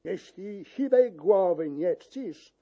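A man voicing a stern older male district official, rebuking slowly in a dramatic verse reading. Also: high voice, animated, highs cut off, exaggerated voice.

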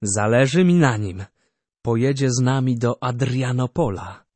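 Man playing a hard curt sultan, slow commanding delivery, audiobook figure, dry sound. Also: medium pitch, a little mellow, no room sound, lightly acted. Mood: stern commanding.

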